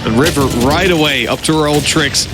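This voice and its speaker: A man's voice: on the high side, a little fast. A man giving live esports match commentary and analysis as a caster, with game sounds audible behind him. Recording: clear game noise behind the voice.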